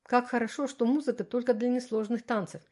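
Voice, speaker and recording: A woman's voice: on the high side, fairly even intonation, fairly quick, warm tone, natural voice. A woman reading the lines of a shy, self-conscious teenage schoolgirl in a storybook, in her own voice.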